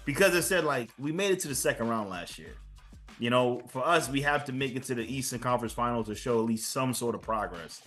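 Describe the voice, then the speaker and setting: A man's voice: medium pitch, lively intonation, brisk, fairly bright tone, faint music behind. A man co-hosting a sports podcast in casual chat, joking and sarcastic, often stumbling and repeating words. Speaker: podcast co-host.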